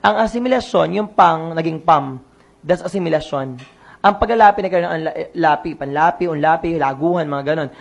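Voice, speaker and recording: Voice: medium pitch, fairly quick, creaky. A coach running an online exam review lesson, quizzing the listeners and repeating each answer to drill it in.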